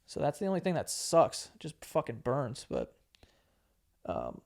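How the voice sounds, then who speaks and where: A man's voice: medium pitch, huge pitch swings, a little slow, gravelly, a little mellow. A man in his late twenties telling a story in casual chat, laid-back and profane, laughing often and acting out what people said. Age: 20s. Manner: laid-back, swears a lot, laughs often, acts out quotes. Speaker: podcast host.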